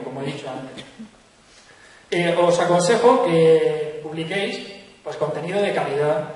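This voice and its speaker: A young man gives a joking conference talk into a handheld mic, often checking in with the audience. His voice sits fairly high. It rings through a large echoey hall and is picked up from far away. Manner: chatty, jokey, asks "¿vale?" often. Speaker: guest speaker. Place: large lecture hall with stage. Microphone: handheld mic, recorded from far camera.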